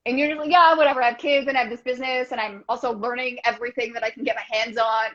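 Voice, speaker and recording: A woman in her thirties, a guest on a casual video call, effusive and gushing, talking in quick rushes. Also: fairly high pitch, fairly even intonation, a bit bright, lo-fi sound. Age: 30s.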